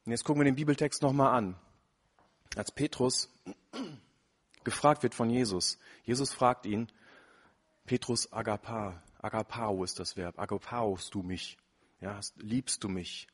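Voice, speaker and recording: A man's voice: mid-range voice, unhurried, long pauses, husky. A middle-aged man preaching a sermon in an earnest way, acting out quoted dialogue as he tells the story.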